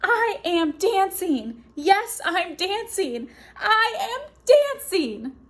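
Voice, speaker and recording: A woman's voice: very high voice, very animated, extremely slow, voice pushed up, full character voice. A woman voicing a clumsy, sensitive male giraffe in a storybook, earnest and heartfelt. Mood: overjoyed.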